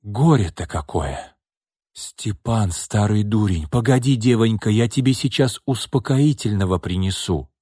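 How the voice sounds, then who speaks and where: A man's voice: on the low side, animated, unhurried, dark tone, slightly rough, no echo, studio quality. A man doing a fussing, motherly older woman. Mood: alarmed.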